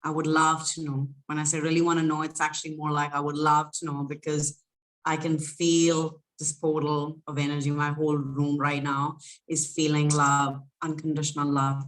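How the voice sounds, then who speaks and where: Woman, lowish voice, spiritual coach, emotional, flowing, teary, livestream guidance. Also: level tone, moderate pace, low-quality recording. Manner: soft, emotional, flowing, repetitive phrasing.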